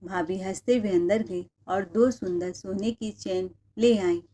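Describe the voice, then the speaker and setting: A woman's voice: mid-range voice, unhurried, warm tone. Woman narrating a family tale. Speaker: storyteller. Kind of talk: scripted narration.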